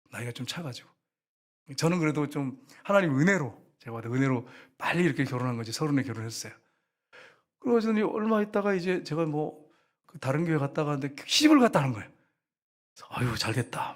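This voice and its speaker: A middle-aged man preaching, a pastor telling a story animatedly in a sermon with quoted dialogue. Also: mid-range voice.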